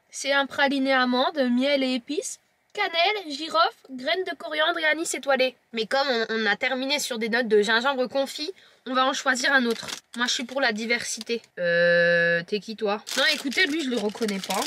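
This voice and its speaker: Tasting chocolates to camera, a vlogger with a Lorraine French accent chats and teases her viewers as she describes each one. Her voice sits high with a bright, forceful tone, and she keeps a moderate pace in this casual vlog.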